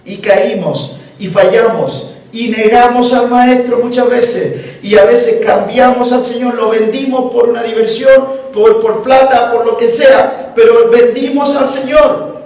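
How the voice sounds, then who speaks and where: A man preaching a sermon as pastor, moving between forceful preaching and soft, emotional storytelling. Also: extremely high pitch, steady tone, unhurried. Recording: echoey church sound from a distant mic.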